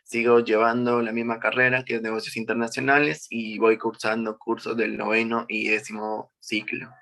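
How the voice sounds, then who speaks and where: A man's voice: lowish voice, completely flat delivery, normal speed, creaky, fairly bright tone. A 21-year-old man giving a class presentation, walking through slides with frequent "eh" and "este" fillers. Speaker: student presenter.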